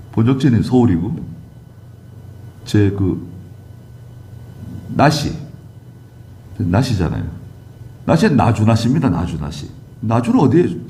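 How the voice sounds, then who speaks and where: A man's voice: on the low side, warm tone, slight background noise. A male Korean pastor preaching a sermon, moving from chatty personal asides to emphatic exhortation of the congregation. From South Korea. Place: church sanctuary.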